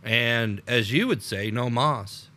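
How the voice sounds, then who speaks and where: A man's voice: mid-range voice, slow, bright, forceful tone. An American man co-hosting an unscripted political podcast, rambling with many repeated starts and laughs. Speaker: podcast co-host.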